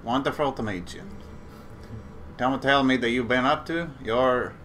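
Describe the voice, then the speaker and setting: A man's voice: medium pitch, unhurried, fairly bright tone, slight background noise, natural voice. A man voicing a prim, bookish young male scholar who talks in formal, old-fashioned phrases. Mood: polite earnest.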